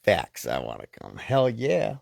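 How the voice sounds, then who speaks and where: A man's voice: on the low side, creaky, noisy background. A man co-hosting a home podcast, joking and stumbling over words in casual banter with his wife. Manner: joking, halting, animated. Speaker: podcast co-host.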